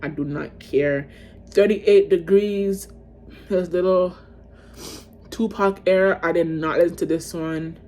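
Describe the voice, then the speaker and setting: A woman's voice: on the low side, fairly even intonation, slow pace, pauses often, darkish tone, a little hiss or hum. A woman vlogging casually to camera, ranking music in a chatty, emotional way and calling her viewers y'all.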